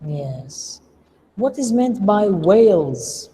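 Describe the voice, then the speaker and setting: A lecturer who speaks slowly and deliberately, quizzing students on word meanings in a lecture room. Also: mid-range voice, big pitch swings, dark tone. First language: Arabic. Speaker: English lecturer. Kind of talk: classroom lecture with questions to students. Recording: long reverb, faint room noise.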